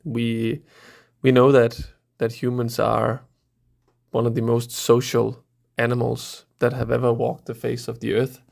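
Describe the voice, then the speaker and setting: A middle-aged man from Denmark explains science to children in a thoughtful, halting way. His voice has a gravelly edge at a medium pitch, and he often stops to restart a sentence. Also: monotone, a little mellow. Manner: thoughtful, frequent fillers and restarts. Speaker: researcher guest. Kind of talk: explaining to kids.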